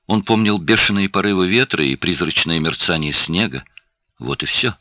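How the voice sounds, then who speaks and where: A man narrating an audiobook in an expressive, dramatic reading style. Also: deep voice, normal speed, no echo. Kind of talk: scripted narration. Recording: dry, dull lo-fi sound.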